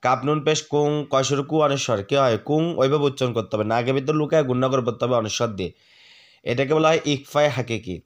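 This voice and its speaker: Guy teaching quran reading rules, mid-pitched voice, goes over each letter real patient and has you say it back. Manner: patient, repeats each rule, asks the viewer questions, then recites slowly. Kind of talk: tajweed lesson, spelling out letters and drawn-out recitation.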